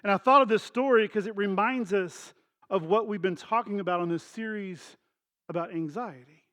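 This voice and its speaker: A middle-aged pastor delivers his sermon in a high voice. He talks to the congregation casually and acts out scenes with voices and sound effects. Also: moderate pace, fairly bright tone. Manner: storytelling with acted dialogue and sound effects; conversational, addresses congregation directly.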